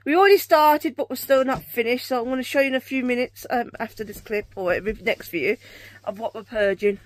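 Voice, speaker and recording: A young British woman with a high voice chats to the camera while showing off a shelved room at home. She rambles and corrects herself as she goes, in a loose, friendly vlog style. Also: brisk, dry recording. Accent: British English. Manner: chatty, rambling, self-correcting. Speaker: channel co-host. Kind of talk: casual collection vlog.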